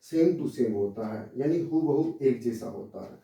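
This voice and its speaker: A male English teacher giving a slow, repetitive classroom lesson, explaining letter by letter as he points to a board. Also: mid-range voice, expressive, dark tone. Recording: very echoey room, mic far off.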